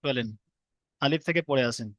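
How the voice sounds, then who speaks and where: A man's voice: medium pitch, brisk, fairly bright tone, no echo. A man teaching an online class, patiently repeating and drilling each letter sound for his students.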